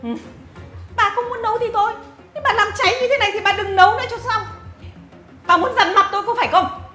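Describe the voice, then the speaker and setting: A woman's voice: very high-pitched, fast talker, bright, forceful tone, roomy sound, faint music behind. A woman playing a sneering mother-in-law. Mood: scornful scolding. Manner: sneering, scolding, mocking laughs. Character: scornful bossy mother-in-law, middle-aged woman. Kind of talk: family drama acting.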